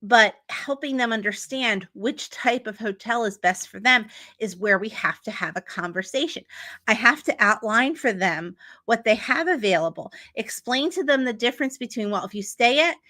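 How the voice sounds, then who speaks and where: Chatty upbeat lady coaching travel agents, keeps saying okay, clear bright voice. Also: a little high, moderate pace. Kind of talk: teaching talk to an audience.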